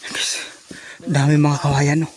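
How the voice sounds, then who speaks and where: A man's voice: fairly high pitch, level tone, unhurried, darkish tone. A man hiking up a forested hillside, vlogging casually and exclaiming to his viewers while out of breath.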